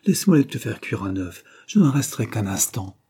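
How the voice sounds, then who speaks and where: A man voicing a gentle, devoted young married daughter who speaks softly and pleads with worry. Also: on the low side, sing-song, moderate pace, husky. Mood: worried.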